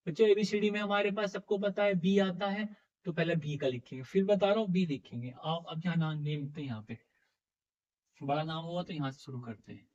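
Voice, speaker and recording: A man's voice: fairly high pitch, fairly quick, a little mellow. A man teaching a chemistry class, coaxing students with repeated questions, his voice a little heavy from being unwell. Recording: dull, muffled lo-fi sound.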